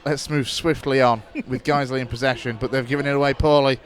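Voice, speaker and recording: A man calling live football play-by-play for an internet club radio stream, brisk and steady, rising sharply when a chance comes. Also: medium pitch. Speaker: football commentator.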